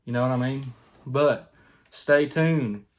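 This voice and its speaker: A man's voice: mid-range voice, takes it slowly. A man giving a casual, folksy how-to talk, often checking in with the listener as an instructor would. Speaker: duck calling instructor, video host.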